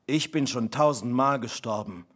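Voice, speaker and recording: A man's voice: mid-range voice, normal speed, fairly bright tone, husky. Man reading a jaunty father, defiant, matter-of-fact. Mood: amused. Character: cheerful defiant father, middle-aged man.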